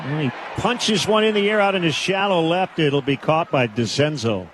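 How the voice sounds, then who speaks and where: A man calling radio baseball play-by-play, with brisk calls that climb into shouts on big hits. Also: a little high, slight background noise. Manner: brisk calls that rise into shouted home run calls. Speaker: play-by-play announcer.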